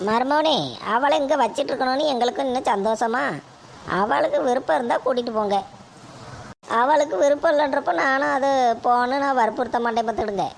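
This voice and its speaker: A woman's voice: high-pitched, fairly quick, gravelly, slight background noise. A woman voicing a bossy older mother-in-law in a cartoon, commanding. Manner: commanding, dialect-heavy.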